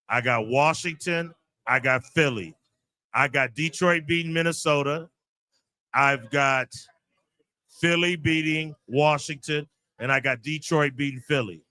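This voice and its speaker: Bright-voiced man hosting a casual chat. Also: on the high side, no room sound. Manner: relaxed banter, running through picks with quick questions. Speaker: podcast host.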